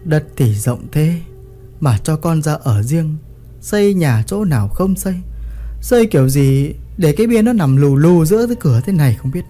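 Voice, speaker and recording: A man's voice: a little high, animated, moderate pace, dark tone, soft background music. A man narrating a village story in a vivid, earthy storytelling manner.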